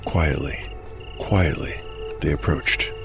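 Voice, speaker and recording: With a deep, gravelly voice and fairly even intonation, a game master narrates his dark fantasy tale in a measured, scripted way, soft music running underneath.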